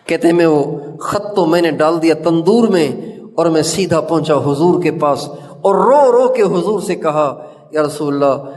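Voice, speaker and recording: A man's voice: fairly high pitch, darkish tone. A man preaching an Urdu sermon with a Pakistani accent, telling a story with passion, rising to emphatic questions and chanting scripture verses. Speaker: Islamic preacher. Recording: long reverb of a large hall.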